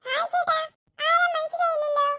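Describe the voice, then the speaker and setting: A woman's voice: very high-pitched, flat delivery, brisk, sharp tone. A woman voicing an eager little boy in a cartoon, talking chirpily and politely to older boys. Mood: chirpy. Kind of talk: cartoon voice acting.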